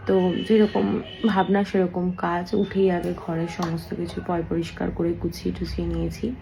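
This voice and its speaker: A woman vlogging softly at home, chatting about her chores while someone sleeps nearby. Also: on the low side, flat delivery, moderate pace, creaky, faint music behind, poor audio. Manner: soft, hushed talk so as not to wake a sleeper; chatty, homely running commentary on chores. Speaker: family vlogger. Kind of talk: casual vlog narration. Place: home, indoors.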